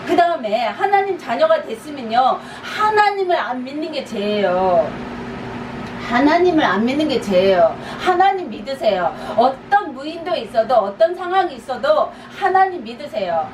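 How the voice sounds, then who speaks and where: Preaching at a moderate pace, a female pastor teaches in a chatty way, returning again and again to the same urgent appeals with small laughs. Her pitch is high and varies widely. The mic is distant, the room reverberant, and noise persists underneath.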